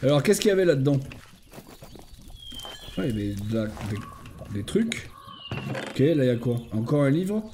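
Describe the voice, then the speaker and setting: A young man casually commenting on his game and reading in-game notes aloud, getting excited as he plays. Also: medium pitch, moderate pace, pauses often, noisy background. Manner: excitable, talks to himself and viewers, reads in-game notes aloud. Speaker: gaming YouTuber. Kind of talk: casual let's-play commentary.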